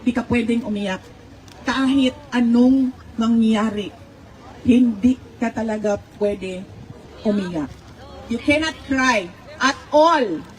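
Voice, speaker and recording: A middle-aged Filipino woman tells family stories conversationally, switching between Tagalog and English and laughing often. Her voice is fairly high and unhurried, and the recording is low quality.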